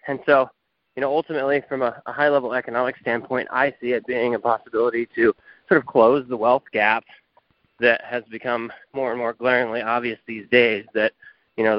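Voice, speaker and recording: Over a muffled, dry phone connection with no echo, a medium-pitched male founder answers interview questions. He explains at length and leans on frequent fillers.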